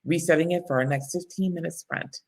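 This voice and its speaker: A woman's voice: deep voice, fairly even intonation, a little fast, breathy edge. A woman book coach hosting live writing sprints in a casual, chatty way, laughing often and reading viewer comments aloud. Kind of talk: casual live-stream chat.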